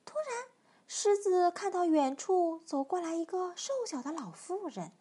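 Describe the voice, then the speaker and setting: A woman reads a children's picture book aloud, expressive and lively. Her voice sits high, and she takes her time over each line. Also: measured pace. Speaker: storyteller.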